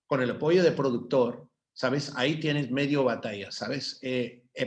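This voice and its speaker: Man, ad producer on a panel, hesitant, drops English words mid-sentence. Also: mid-range voice. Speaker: advertising producer. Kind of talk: panel discussion.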